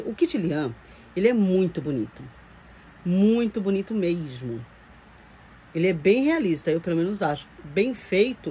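A Brazilian woman with a fairly low voice talks casually to her viewers, doting and chatty. She coos at the doll she is holding. A faint hiss sits under her voice. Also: darkish tone, rough recording. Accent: Brazilian Portuguese. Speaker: reborn doll collector vlogger. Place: home room with doll shelves.

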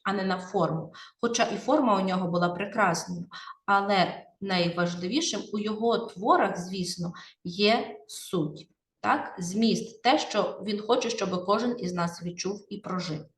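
A woman literature teacher with a Ukrainian accent, explaining a poem to her pupils and often checking that they follow along. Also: mid-range voice. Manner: explanatory, addressing pupils with frequent "так?" checks. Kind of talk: classroom poetry analysis lesson. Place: classroom. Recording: echoey classroom, from far off.

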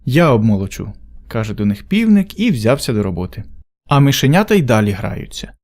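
Man, storyteller, folk tale reading, expressive, lively intonation. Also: medium pitch, brisk.

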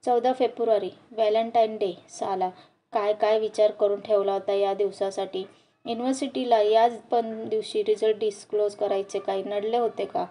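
Young male student, sulky and grumbling, read by a woman, warm low timbre. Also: fairly even intonation, normal speed, lightly acted, low-quality recording.

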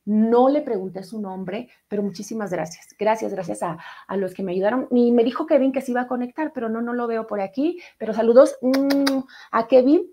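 A middle-aged woman with a Mexican Spanish accent hosting a live radio stream, chatting warmly and greeting viewers by name as she reads their comments. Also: a little high, a little fast. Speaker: radio show host. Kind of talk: casual live-stream chat reading comments.

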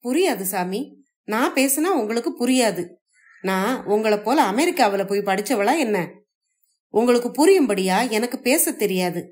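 A woman's voice: a little high, expressive, normal speed, a little mellow, natural voice. A woman voicing a hurt, jealous young wife in a family story read aloud, talking in reproachful, indignant outbursts.

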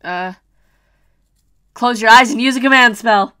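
A woman's voice: fairly high pitch, a little slow, pushed and bright, clear, resonant tone, faint music behind. A woman doing a let's play, reading game story text aloud dramatically and adding casual reactions.

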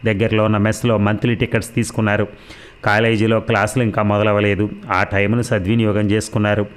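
Low-voiced male storyteller. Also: flat delivery, fast talker, clear, resonant tone. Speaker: narrator. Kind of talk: audiobook story narration.

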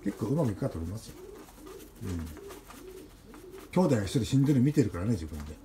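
A man talking casually to the camera about his pet pigeon, switching to rough, coaxing talk when he speaks to the bird. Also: on the low side, very animated, fast. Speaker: pigeon keeper.

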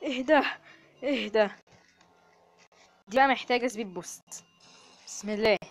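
A woman with an Egyptian accent giving excited commentary over her gameplay, full of exclamations and quick prayers. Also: a little high, soft background music. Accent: Egyptian Arabic. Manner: excitable, frequent exclamations and prayers under pressure. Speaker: gamer.

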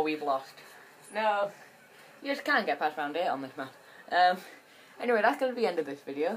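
A woman giving chatty, excitable gameplay commentary that rambles and restarts. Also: sits low, a little hiss or hum. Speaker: gaming channel host.

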